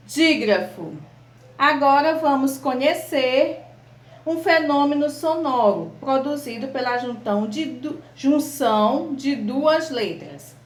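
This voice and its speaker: Slow, patient Brazilian woman teacher, echoey. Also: high voice. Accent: Brazilian Portuguese. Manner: slow, patient, spells out letters and examples. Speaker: primary school teacher. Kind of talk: online class lesson. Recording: echoey room.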